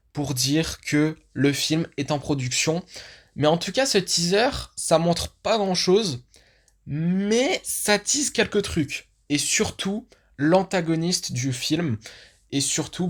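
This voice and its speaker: Reacting to a film teaser, a YouTube host with a mid-range voice speaks casually as an eager fan working things out aloud. The commentary is riddled with fillers and restarts.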